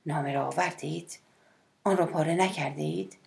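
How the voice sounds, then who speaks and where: A woman narrator voicing a shy, hesitant middle-aged male cellist who speaks in a hushed, timid way in an audiobook. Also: low voice, vocal fry. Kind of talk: audiobook character voice.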